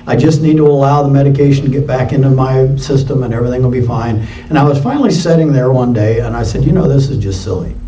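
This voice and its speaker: A man preaching a sermon in a conversational way, moving between loud emphatic lines and quiet low asides. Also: a little hiss or hum. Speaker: pastor. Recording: roomy hall sound from a distance, dull lo-fi.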